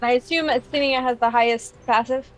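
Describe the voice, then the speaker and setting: A woman's voice: a little high, fairly even intonation, fairly quick. A woman running a tabletop game as game master, talking casually and loosely with filler words.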